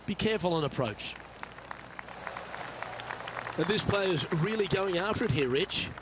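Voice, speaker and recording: A man's voice: sits high, lively intonation, unhurried, crowd noise, background noise. A man playing a lead golf commentator in a video game, calling play in a polished broadcast style. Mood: composed, appreciative.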